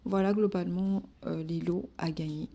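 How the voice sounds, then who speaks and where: Chatty woman, slightly low voice. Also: fairly even intonation, normal speed, vocal fry, mellow. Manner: chatty, many fillers and repeated "voilà". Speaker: hair care vlogger. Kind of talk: casual vlog presenting giveaway prizes.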